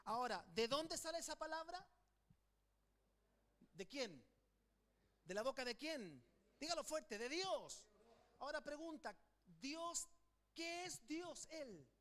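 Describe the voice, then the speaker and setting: A man preaching as pastor to a congregation in a church, calling on them to repeat after him and swinging between loud declarations and quiet, slowed phrases. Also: very high-pitched, very animated. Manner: emphatic preaching with call-and-response to the congregation. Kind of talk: sermon.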